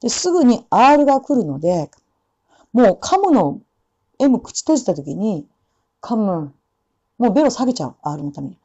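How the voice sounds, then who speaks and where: A woman gives a pronunciation lesson, her pitch rising and falling in a lively way. Her tone is mellow and dark, and she stretches out example phrases slowly. The recording sounds dull and lo-fi. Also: breathy edge. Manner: demonstrates English sounds slowly, repeating phrases. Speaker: English pronunciation teacher.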